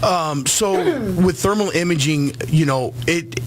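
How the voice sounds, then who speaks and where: A man's voice: on the high side, a little slow, faint music behind. A man who inspects homes talks as a guest on a radio call-in show. He explains his work earnestly, stopping often with ums and starting sentences over. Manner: many ums and restarts, earnest.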